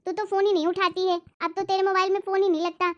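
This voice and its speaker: A woman's voice: extremely high pitch, level tone, quick pace, dull audio. A woman voicing an exasperated elder sister in a family drama skit, scolding and insistent as she demands her money back.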